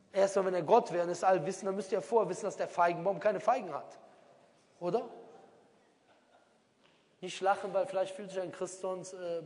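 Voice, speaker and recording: An animated male preacher addressing a crowd from a stage, arguing point by point and throwing out rhetorical questions. His voice sits high for a man. A long hall reverb trails every phrase. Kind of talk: lively sermon-style talk on stage. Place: stage in a large venue.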